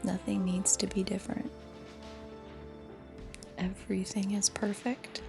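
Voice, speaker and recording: A woman tells her own story alone, thinking aloud in a halting, personal way with long pauses. It sounds like a phone voice-recorder memo, and her breathy, medium-pitched voice stays level and often fades toward a whisper while music plays in the background.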